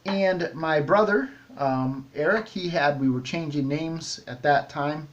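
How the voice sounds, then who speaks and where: A man's voice: fairly high pitch, unhurried, dull audio. A middle-aged man hosting a shaving vlog, talking casually to camera with many ums and restarts. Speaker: shaving video host.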